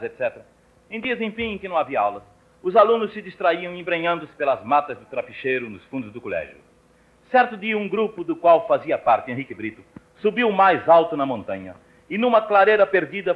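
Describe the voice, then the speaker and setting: A man with a Brazilian Portuguese accent, narrating a radio program in a solemn, measured storytelling manner. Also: on the high side. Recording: narrow, tinny old radio recording.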